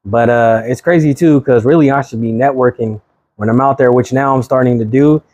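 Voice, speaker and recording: An easygoing man in his thirties from Sacramento talks as a podcast guest, relaxed and slangy with the odd chuckle. His voice sits at a middle pitch and sounds close and dry, with no room around it. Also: a little fast, no echo, highs cut off. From Sacramento, California. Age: 30s. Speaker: guest, real estate agent. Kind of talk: casual chat.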